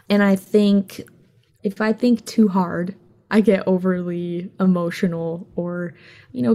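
A young woman from Hawaii, a singer being interviewed, talking openly and earnestly in a casual, soft-spoken way. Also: mid-range voice. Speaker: singer guest.

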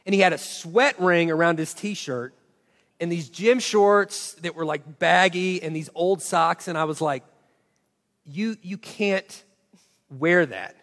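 Guy in his 40s, kinda high voice, acts out the dialogue, big echoey hall. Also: takes it slowly, a bit bright. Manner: acts out quoted dialogue expressively, self-mocking. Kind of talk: animated storytelling talk.

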